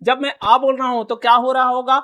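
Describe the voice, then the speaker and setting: A man's voice: extremely high pitch, little pitch movement, a little fast, sharp tone. A male teacher giving a classroom grammar lesson, asking his students question after question and repeating each answer back to them.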